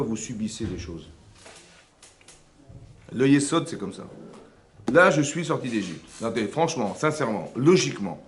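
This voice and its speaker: A man, a rabbi giving a lively religious lesson to a women's class, full of rhetorical questions and checks on whether his listeners follow. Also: medium pitch. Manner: animated, rhetorical questions, frequent checks on understanding. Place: seminary classroom.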